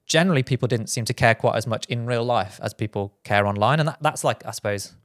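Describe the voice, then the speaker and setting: A British man co-hosting a running podcast in casual chat, quick and full of restarts. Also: medium pitch, dry recording, studio quality. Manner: quick, with frequent restarts and fillers. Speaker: podcast co-host.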